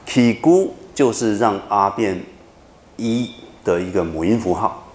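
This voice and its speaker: A man's voice: on the low side, animated, a little slow, darkish tone, roomy sound. A man lecturing a university class, explaining patiently and often checking whether students follow. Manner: patient, repetitive explaining with frequent checking questions.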